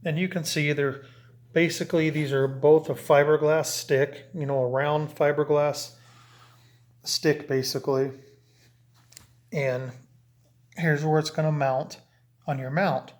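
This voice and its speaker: With a slightly high, level voice, a CB radio hobbyist explains setup at a measured pace, leaving long pauses. He handles his gear while talking into a camera mic, rambling and restarting in this casual how-to video.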